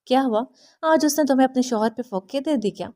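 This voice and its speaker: A woman's voice: high voice, dark tone, natural voice. A woman voicing a proud, jealous young woman. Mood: sarcastic probing. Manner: sarcastic, needling.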